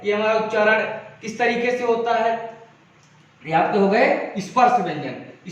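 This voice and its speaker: A man teaching a grammar lesson, drilling sounds one by one and asking the class questions, then answering them himself. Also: extremely high pitch. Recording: echoey room, mic far, dull sound.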